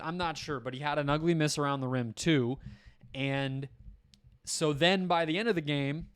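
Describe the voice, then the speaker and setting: Young male podcast host, smooth clear voice, dry close mic, chatty and self-deprecating. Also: mid-range voice, no echo. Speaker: podcast host covering a basketball team. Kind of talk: casual solo podcast commentary.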